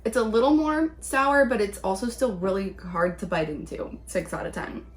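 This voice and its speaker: A woman's voice: medium pitch, expressive, normal speed. A woman chatting casually as she reviews things in a taste-test vlog. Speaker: vlog host, candy reviewer.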